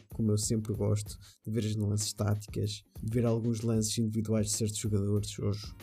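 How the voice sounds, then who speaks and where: A man giving a conversational football podcast monologue, halting and repeating phrases at times. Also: lowish voice, mellow, slightly rough.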